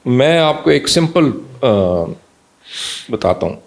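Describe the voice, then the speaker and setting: Doctor guy, gravelly voice, animated, throws in english bits. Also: fairly high pitch. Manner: animated, slips into Punjabi and English phrases. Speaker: pediatrician guest. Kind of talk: conversational explanation.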